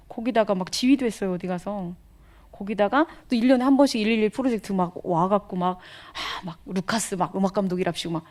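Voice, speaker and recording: A woman in her forties gives a sermon-style testimony, telling her story in a chatty, animated way. She drops into hushed, whispered asides now and then. Her pitch sits in an ordinary middle range. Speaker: missionary speaker.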